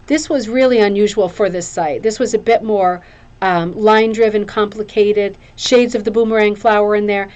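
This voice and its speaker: Woman, casual craft show host, mid-pitched voice, effusive, rambling, chatty, repeats herself for emphasis. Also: steady tone, moderate pace, a little mellow. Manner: effusive, gushing over items, repeats phrases for emphasis. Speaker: craft show host presenting viewers' hooked rugs.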